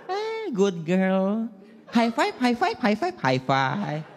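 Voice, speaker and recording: A man's voice: sits high, wildly swooping pitch, very slow, background noise, voice pushed up, full character voice. A man doing a posh, coaxing young dad. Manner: soft, overly patient, coaxing. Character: posh young father sweet-talking his little daughter. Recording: echoey hall.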